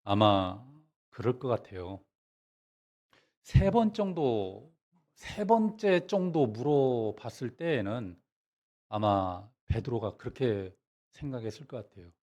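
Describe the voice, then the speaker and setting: A middle-aged male pastor delivers a revival sermon in a lively storytelling way. He keeps turning to the congregation with questions. He drops into a soft, low voice whenever he acts out a dialogue. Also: slow pace. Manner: animated storytelling, acting out dialogue in a hushed low voice.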